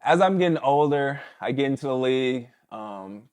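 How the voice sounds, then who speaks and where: Speaking at a normal speed with a smooth, medium-pitched voice, this animated former pro footballer in his thirties shares anecdotes during a casual interview. At times he mimics the shouts of his old coach.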